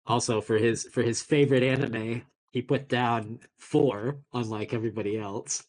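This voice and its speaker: A man doing relaxed commentary on a video game tournament stream, often restarting his sentences. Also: medium pitch, poor audio. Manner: relaxed, halting, many restarts. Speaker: esports commentator.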